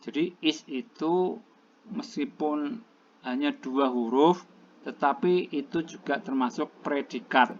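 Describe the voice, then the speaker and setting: A man lectures a classroom, his voice sitting a little high as he explains slowly and repeats each point in translation. The recording is dull and lo-fi, with clear noise running under his voice. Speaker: English teacher. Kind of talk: classroom lecture, mixing languages.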